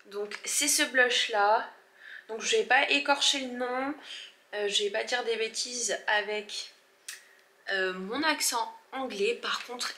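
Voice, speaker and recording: Bright-voiced young woman chatting through a beauty haul. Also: fairly high pitch. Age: 20s. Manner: chatty, hesitant, many fillers and restarts; gushing over products. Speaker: beauty vlogger. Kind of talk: casual haul vlog.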